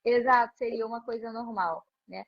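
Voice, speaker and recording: A woman's voice: a little high, fairly even intonation, moderate pace, vocal fry. A woman, a mother talking conversationally about parenting in a live stream, often adding "né?". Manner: conversational, frequent "né?" tag questions. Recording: muffled lo-fi stream audio.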